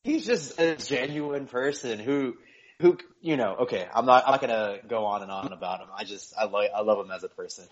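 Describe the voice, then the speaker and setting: A man's voice: mid-range voice, fairly quick. A man co-hosting a sports podcast, chatting eagerly and joking as he talks. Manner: enthusiastic, chatty, jokes and self-censors. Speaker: podcast co-host. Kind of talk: casual podcast chat. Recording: dull lo-fi sound.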